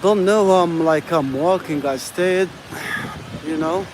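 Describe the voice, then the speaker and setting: A man from Algeria chats on a live stream as he walks through the city, friendly and rambling, saying "you know" and "bro" almost every phrase. He speaks slowly in a fairly high voice, recorded on his phone with street noise, urban ambience, and traffic going by.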